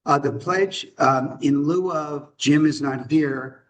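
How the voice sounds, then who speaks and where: A man running a club meeting in a relaxed, joking way, welcoming members and guests. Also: a little high, recorded from a distance, rough recording. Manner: relaxed, joking, slow-paced. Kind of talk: casual meeting chat.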